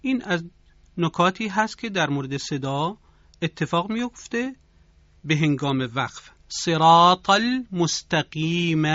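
A man teaching Quran recitation on a radio lesson, speaking in a measured way and drawing out example words slowly. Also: a little high, a bit bright, dry recording, dull audio. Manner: measured, drawn-out demonstration of words.

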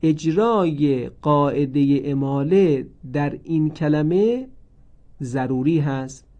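With lo-fi sound and a slightly high voice, a man teaches Quran recitation rules in a recorded lesson. He goes step by step through each rule and repeats every example for listeners to practise.

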